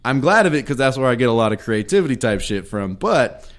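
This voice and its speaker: A man's voice: mid-range voice, sing-song, quick pace. A man co-hosting a podcast, telling a crude story in a casual, profane way, laughing often and acting out quoted dialogue. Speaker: podcast co-host.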